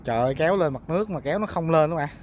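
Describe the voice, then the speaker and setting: Racing along with lively intonation, a man with a fairly high yet darkish-toned voice chats to viewers in a casual, colloquial fishing vlog, exclaiming often. His accent is Mekong Delta Southern Vietnamese, and he's outdoors on a small river boat, recorded clearly amid boat noise.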